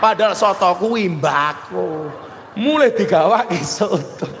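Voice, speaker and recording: A middle-aged Javanese-accented preacher delivers a joking sermon, slipping between plain talk and mock voices. His voice sits a little high for a man. A long hall reverb trails after every phrase. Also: expressive, unhurried, fairly bright tone, slight background noise. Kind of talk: humorous sermon.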